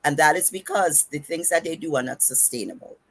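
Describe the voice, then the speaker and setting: Speaking with a Trinidadian accent, a woman hosts a podcast as a fitness coach, giving diet and fitness tips in an emphatic, instructive manner and blurring her words together. Her low voice is expressive and slightly quick, with a breathy edge.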